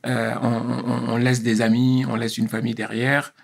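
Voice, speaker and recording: Gravelly man in his fifties. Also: medium pitch, level tone. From Senegal. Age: 50s. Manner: measured, hesitant, many fillers and restarts. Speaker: interview guest, engineer and consultant. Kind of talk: casual interview.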